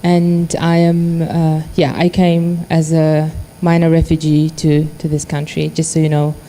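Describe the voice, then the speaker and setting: Low, dark-voiced woman presenting a project. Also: monotone, measured pace. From grew up in Germany. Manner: hesitant, with many fillers and restarts. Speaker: conference panel speaker. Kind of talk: presenting a research project at a conference.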